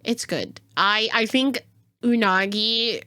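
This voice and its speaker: Bright, chatty woman streamer. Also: on the high side, slow. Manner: chatty, enthusiastic, swears casually. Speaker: streamer reacting to a video. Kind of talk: casual reaction chat.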